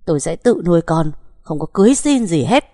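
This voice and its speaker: A woman's voice: moderate pace, warm tone, no room sound, studio quality, natural voice. A woman voicing a distraught young pregnant woman who pleads and sobs in a raised, strained voice. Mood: furious. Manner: sobbing, pleading, pitched up.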